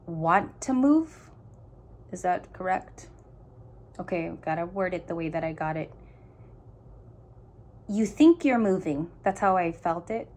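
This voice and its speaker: Low-voiced woman musing through a tarot reading. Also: a little mellow. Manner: musing aloud, stop-start phrasing; earnest, talks straight to the listener. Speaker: tarot reader. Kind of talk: casual tarot reading to viewers.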